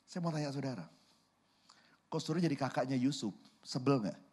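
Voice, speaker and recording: A man pastor preaching a sermon, telling a lively story and often addressing the congregation directly. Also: medium pitch, fairly quick, breathy edge. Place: church.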